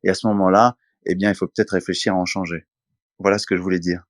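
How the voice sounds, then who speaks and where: A man adding his opinion in an online audio room, speaking in a measured way with many fillers. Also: low-pitched, little pitch movement, dry recording, clean studio sound. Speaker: participant.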